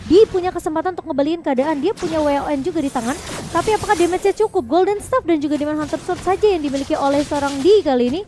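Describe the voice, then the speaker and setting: A female esports shoutcaster with a very high voice gives live match commentary. There is faint noise behind her. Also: racing.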